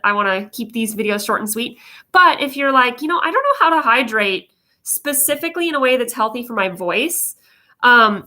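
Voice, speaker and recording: Female vocal coach, higher-pitched and very bright, explanatory and emphatic, talking informally to online viewers. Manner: explanatory, emphatic, with frequent check-in questions. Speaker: vocal coach presenting advice videos. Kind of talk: informal instructional talk to viewers.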